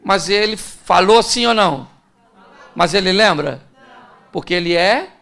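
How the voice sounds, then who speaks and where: A man's voice: high-pitched, measured pace, creaky, a bit bright, some chatter behind. A man with a Brazilian Portuguese accent, a pastor giving a conversational, humorous sermon and speaking directly to his audience. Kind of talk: sermon on relationships.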